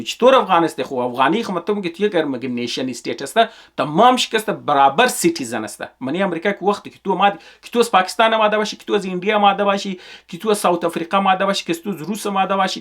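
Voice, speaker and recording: A man's voice: high voice, expressive, a bit bright. A man speaking Dari with a Hazaragi accent, giving an emphatic, repetitive political commentary on his channel.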